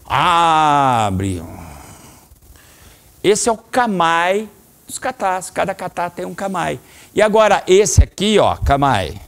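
A middle-aged man with a Brazilian Portuguese accent teaching a children's karate class in a training hall, calling out commands and explaining techniques. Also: a little high. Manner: lively, coaching commands to children. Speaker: karate instructor.

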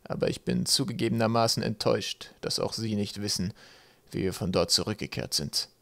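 A man's voice: steady tone, gravelly, fairly bright tone, no room sound. A man playing a bitter scarred old ship's mate. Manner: sullen, low and slow.

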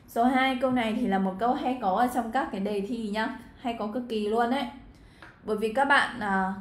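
A woman's voice: on the high side, roomy sound. A woman from Vietnam, an English teacher, chatting her way through an exam walkthrough and talking straight to her students. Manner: chatty, addresses students directly, frequent fillers.

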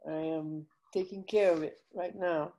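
Older woman from Guatemala, warm low voice, weak from illness, earnest, video call. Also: fairly even intonation, measured pace, low-quality recording. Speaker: guest, foundation president. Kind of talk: interview over video call.

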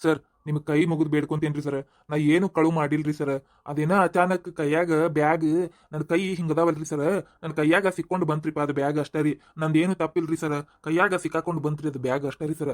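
A man's voice: on the high side, flat delivery, brisk, natural voice. A man doing a whiny pleading cartoon thief. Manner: pleading, whiny, repeats "sir". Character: whining petty male thief under arrest. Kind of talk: cartoon voice acting.

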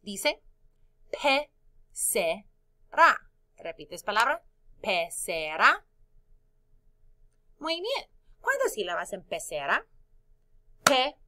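Teaching phonics to young children, a woman stretches out syllables and sings little sound cues in a slow, drawn-out way. Her mid-range voice is bright and forceful, with huge swings in pitch.

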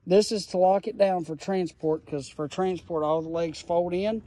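A man's voice: sits high, moderate pace, dark tone, a little hiss or hum. A man giving an enthusiastic, folksy tool review, filmed on a handheld phone outdoors and in a garage. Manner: enthusiastic, folksy, rambling explanations. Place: outdoors in a gravel yard, then a garage. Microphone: phone camera held in hand.

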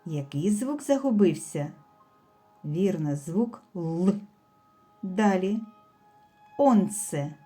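A woman teaching a speech development lesson for young children, speaking slowly and clearly with careful enunciation. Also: fairly low pitch, lively intonation, warm tone, soft background music. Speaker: preschool teacher.

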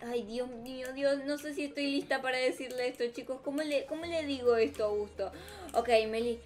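A woman's voice: sits high, fairly even intonation, brisk, darkish tone. A woman with an Argentine accent improvising theatrical role-play commentary over gameplay, talking to viewers and herself. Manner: theatrical, melodramatic, talks to viewers and self. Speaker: gaming video host. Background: music.

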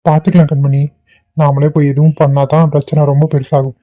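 A calm young husband, played by a man reassures in an even, slightly high voice. The homemade cartoon audio is tinny, phone-like and dry. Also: fairly quick, no room sound, lightly acted. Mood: reassuring. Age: young adult. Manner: soothing, steady. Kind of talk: amateur cartoon voice acting.

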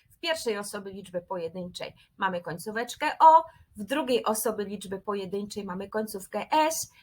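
A woman teaching Spanish grammar in a clear, methodical scripted lesson, repeating each pattern step by step. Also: on the high side.

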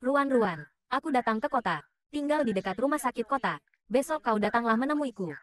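A woman's voice: fairly high pitch, expressive, brisk, a bit bright. A woman dubbing a short drama, voicing all the roles in her own everyday voice. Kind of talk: dubbed short drama dialogue.

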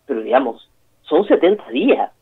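A woman's voice: low-pitched, big pitch swings, moderate pace, slightly rough. Emphatic woman commentator on a tinny phone line. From Peru. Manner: emphatic, repeats key words for stress. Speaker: political talk show host. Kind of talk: opinionated commentary on a call.

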